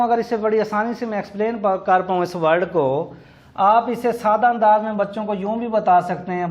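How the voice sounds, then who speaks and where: A man giving a recorded lecture on teaching English words, explaining slowly and spelling words out letter by letter. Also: high-pitched. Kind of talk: classroom lecture. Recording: dull lo-fi recording.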